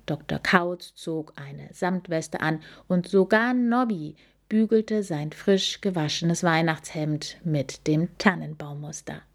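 A woman narrating a children's story in a gentle, even storytelling manner. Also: fairly low pitch.

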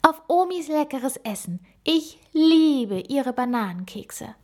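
A woman voicing an excitable little gorilla girl in a storybook reading, with an eager, high, bright way of talking. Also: slow.

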